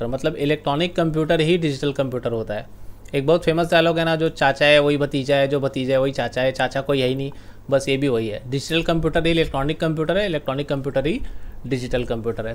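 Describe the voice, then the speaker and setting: Guy teaching computer basics on a video call, a bit high voice, keeps asking students if they get it. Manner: explains slowly, asks students questions. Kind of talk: online class lecture.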